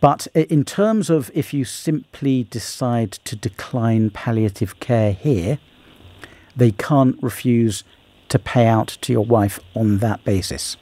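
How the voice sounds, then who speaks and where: Mellow male legal phone-in host. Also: mid-range voice. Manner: sympathetic, careful, halting. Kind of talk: advice to a caller. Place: radio studio.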